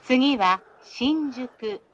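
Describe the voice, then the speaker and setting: High female train announcer over the intercom. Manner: calm, measured, formal. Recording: dull lo-fi playback with faint noise.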